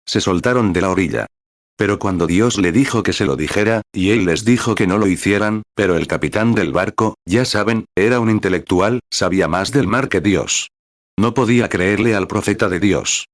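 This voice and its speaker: A man reading a translated sermon aloud in a steady, measured way, calling out verse and paragraph numbers as he retells scripture stories. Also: lowish voice, dry recording, clean studio sound. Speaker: sermon reader.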